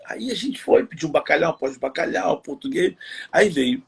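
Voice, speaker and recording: A man's voice: a little high, expressive, moderate pace, vocal fry, breathy edge. A middle-aged man, a pastor, giving an earnest personal testimony in a live interview, telling stories with plenty of fillers. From Brazil. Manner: earnest storytelling with many fillers.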